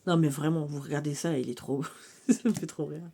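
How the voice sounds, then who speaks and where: A woman chatting casually about her oracle cards, full of fillers and quick to laugh. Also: deep voice, fairly even intonation, warm tone, slight background noise. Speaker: cartomancy vlogger. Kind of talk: casual show-and-tell of oracle decks.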